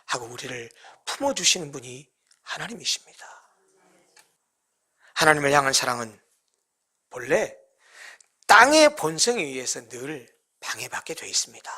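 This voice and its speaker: Animated pastor preaching, bright tone, sudden whispered drops. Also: medium pitch, normal speed, long pauses, breathy edge. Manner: dramatic swings from loud to hushed whisper. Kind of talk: sermon.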